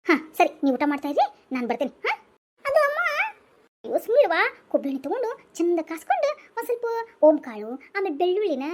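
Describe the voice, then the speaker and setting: A woman's voice: very high-pitched, a little mellow, a little hiss or hum. A woman playing a kindly grandmother who coaxes and soothes her granddaughters, speaking. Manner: soothing, coaxing. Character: kindly older grandmother fussing over granddaughters.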